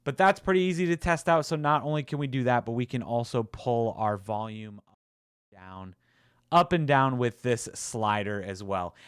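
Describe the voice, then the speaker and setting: A man's voice: mid-range voice, moderate pace, clear, resonant tone, dry recording, clean studio sound. A man casually walking through a product demo, upbeat and chatty with frequent "uh"s and repeats. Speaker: tech reviewer.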